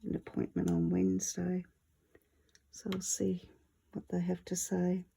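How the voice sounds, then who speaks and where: A woman's voice: on the low side, very animated, measured pace, vocal fry, dark tone, a little hiss or hum. A woman with a wheezy voice, short of breath, chatting casually and easygoing as she presents a hands-on art tutorial. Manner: chatty, easygoing, self-deprecating.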